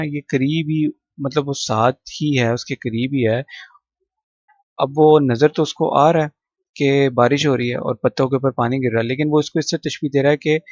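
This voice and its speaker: A male teacher, explaining a textbook poem in a patient classroom style, repeating words slowly and listing synonyms one at a time. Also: mid-range voice, no room sound, lo-fi sound. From Pakistan.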